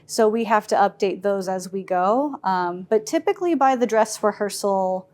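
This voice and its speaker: A woman's voice: mid-range voice, moderate pace, darkish tone. Woman, 30s, music librarian; friendly, casual, hesitant interview answers. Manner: friendly, with many fillers and restarts.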